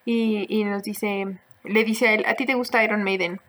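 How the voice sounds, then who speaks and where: A woman's voice: medium pitch, steady tone, normal speed, fairly bright tone. A young woman with a Mexican accent, casually telling a strange story as a podcast co-host, laughing often and using slang. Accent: Mexican Spanish.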